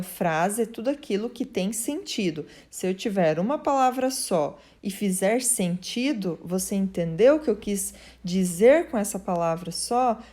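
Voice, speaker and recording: A woman's voice: mid-range voice, darkish tone. A woman teacher explains grammar step by step, checking in often with her students. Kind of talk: grammar lesson.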